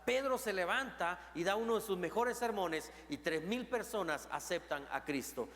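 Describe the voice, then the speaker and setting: Male pastor with a Mexican accent, high voice, impassioned sermon with swings from loud to hushed, church reverb. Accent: Mexican Spanish. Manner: preaching with rising intensity, then dropping to a low, soft tone. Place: church sanctuary. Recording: long reverb of a church hall.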